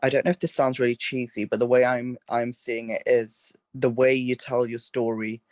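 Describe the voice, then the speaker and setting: Male workshop participant, flat, even delivery, dry close sound, hesitant, quick hedges, heard over a video call. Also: medium pitch, dry recording. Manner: hesitant, rushes through hedging asides.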